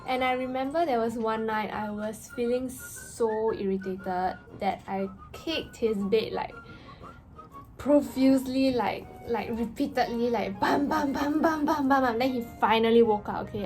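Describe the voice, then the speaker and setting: A young woman telling a story in a casual vlog rant, with an animated, exasperated, slangy delivery and emphatic stresses. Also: fairly high pitch, measured pace, rough recording. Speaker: vlogger. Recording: music playing behind the voice. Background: background music.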